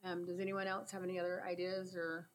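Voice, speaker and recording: A woman's voice: fairly low pitch, a little fast, a little hiss or hum. Woman chairing a meeting, hesitant. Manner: relaxed, hesitant with fillers. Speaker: committee chair. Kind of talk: running a meeting.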